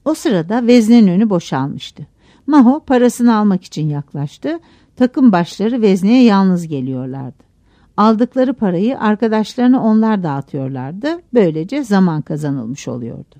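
A woman narrating a novel aloud in a measured, expressive audiobook reading. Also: medium pitch.

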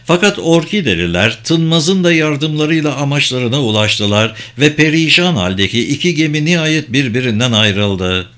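A man narrating an audiobook in a steady, even reading voice. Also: on the high side, moderate pace, hardly any pauses. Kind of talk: scripted narration.

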